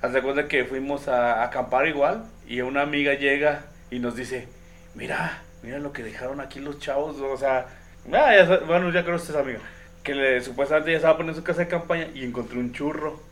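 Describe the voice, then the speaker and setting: A man's voice: medium pitch, steady tone, a little fast, fairly bright tone. A man with a Mexican accent, co-hosting a podcast and telling stories in a slangy, laughing way. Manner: slangy, laughs often, acts out quotes. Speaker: podcast co-host. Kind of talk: casual chat, storytelling.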